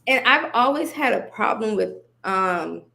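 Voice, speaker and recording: A woman guest on a podcast, telling her story in casual conversation, animated and laughing often as she quotes herself and others. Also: mid-range voice, a little slow, vocal fry.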